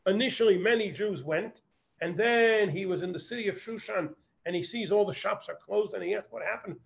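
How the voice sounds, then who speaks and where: A man's voice: high-pitched, brisk, vocal fry. A man teaching a Torah text, reading Hebrew phrases and translating them. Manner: explains verse by verse, quoting Hebrew then translating. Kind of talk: text study lesson.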